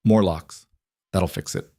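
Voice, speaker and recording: A man reading a young woman's lines in a story, speaking in a sharp, accusing way with a raised voice. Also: sits low, takes it slowly, no room sound, studio quality, exaggerated voice. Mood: bitter. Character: young woman, wary bride, hurt and angry.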